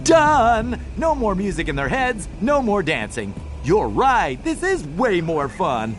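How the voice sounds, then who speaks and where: A man's voice: high-pitched, huge pitch swings, faint music behind, full character voice. A man voicing a mischievous trickster wizard in a cartoon, smug and teasing. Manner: smug, teasing, drawn-out delivery. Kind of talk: cartoon voice acting.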